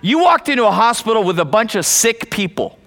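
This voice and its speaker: High-voiced man preaching a casual sermon. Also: big pitch swings, brisk, fairly bright tone. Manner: conversational, asks the congregation questions; repeats words and restarts often. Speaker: pastor.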